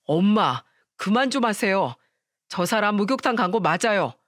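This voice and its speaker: An exasperated husband and son pleads firmly with his mother, as a woman voices him. The voice is pitched a little lower and pushed louder than the storyteller's own. It is recorded dry and close. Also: lively intonation, normal speed, no room sound. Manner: pleading, firm.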